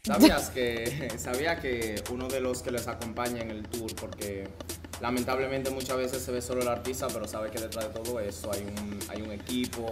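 A young man hosting an interview on a studio set, chatty and quick to laugh. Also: mid-range voice, fairly even intonation, music in the background. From Dominican Republic. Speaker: interviewer, host. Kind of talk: casual interview.

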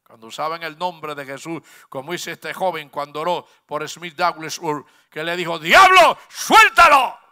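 A man preaching a sermon, shouting to the congregation and acting out the voices he quotes. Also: a little high, fairly even intonation, normal speed, few pauses, clear, resonant tone.

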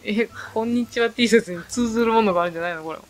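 A woman's voice: a little high, very fast, a crowd in the background. Laughing woman in casual game banter. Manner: teasing, laughs often. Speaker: game commentator. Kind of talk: casual gameplay chat. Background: game music.

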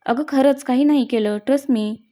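A woman's voice: high voice, brisk, warm tone, natural voice. A woman voicing a teasing, playful young woman in a group of friends, in a storybook reading.

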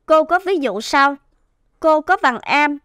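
Woman teacher, slow and careful, breaks words into sounds syllable by syllable, high voice. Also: animated, fairly bright tone, no echo. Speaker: first-grade teacher. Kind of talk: slow, clear phonics teaching.

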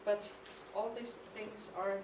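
This middle-aged woman, who has a German accent, speaks in a mid-range voice with little pitch movement while reading a partly poetic, prepared lecture as an artist at a conference. The reading is measured and reflective, with occasional hesitations, delivered from a podium with a stand-mounted mic on a mid-sized studio hall's stage. Background noise and hall echo are heard from the camera's distance.

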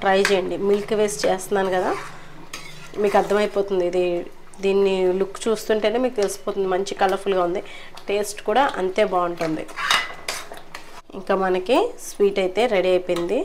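A woman's voice: medium pitch, flat delivery, a little fast, long pauses, noisy background. A woman casually narrating a home cooking vlog, chatting politely to her viewers as she cooks. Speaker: cooking vlogger. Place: home kitchen.

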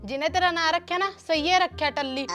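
An actress playing a sharp-tongued village wife in a comedy sketch, scolding and sarcastic. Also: female voice, very high-pitched, quick pace, faint music behind. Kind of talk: rural comedy sketch acting.

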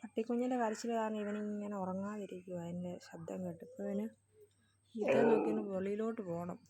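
A woman's voice: mid-range voice, steady tone, fairly quick, warm tone. A woman with a Malayali accent, chatting casually and narrating while coaxing her pet dog in sing-song baby talk. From India. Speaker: pet owner vlogger.

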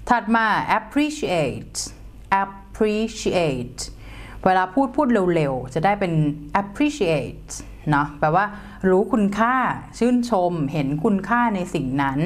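A young woman teaching English grammar to students, explaining slowly and patiently and spelling words out letter by letter. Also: on the low side. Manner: spells words letter by letter, calls listeners "friends".

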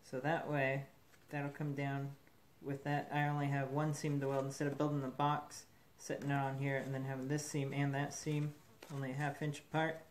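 Fabricator, male, mid-pitched, easygoing shop explainer with a faint hum behind. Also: normal speed, hardly any pauses. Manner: relaxed, thinking aloud with fillers. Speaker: metal fabricator demonstrating a build. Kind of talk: casual shop demonstration. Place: indoor metal fabrication shop. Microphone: camera mic, speaker off-frame above the bench.

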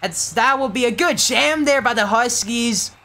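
A tired young man with a very high voice casually rambles through play-by-play commentary for an online game league at a moderate pace, getting excited whenever a big play happens.

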